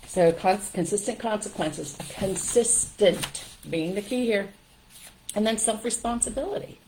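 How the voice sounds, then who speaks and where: An older woman giving parenting advice in a direct, lively way, often checking in with "okay?" and "right?". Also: medium pitch, unhurried, a little hiss or hum, rough recording. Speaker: parenting coach.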